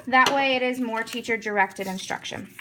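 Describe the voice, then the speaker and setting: A woman's voice: on the high side, moderate pace, noisy background. A woman teacher giving an instructional demonstration, explaining each step and coaching a student along.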